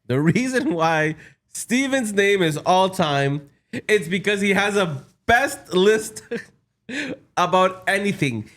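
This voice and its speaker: A man's voice: high-pitched, expressive, slow pace, a bit bright. A man co-hosting a casual wrestling podcast, chatting loosely with friends. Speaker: podcast co-host. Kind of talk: casual chat.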